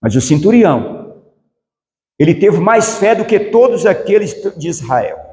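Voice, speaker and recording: A pastor preaches a sermon in church, putting rhetorical questions to his congregation. His high, sing-song voice is a little slow and slightly mellow, echoing through a hall with long reverb.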